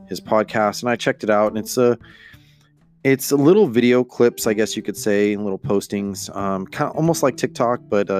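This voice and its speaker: A man with a low voice hosts a casual solo podcast over music. He meanders and hesitates, thinking aloud as he goes. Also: a little mellow. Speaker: podcast host.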